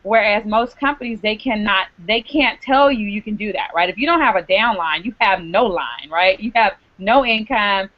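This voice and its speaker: A woman's voice: mid-range voice, lively intonation, dry recording. Upbeat woman hosting a web call. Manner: upbeat, encouraging, quick asides. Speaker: host of an online video hangout. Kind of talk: casual live video call chat. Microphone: video call. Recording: dull lo-fi web call audio.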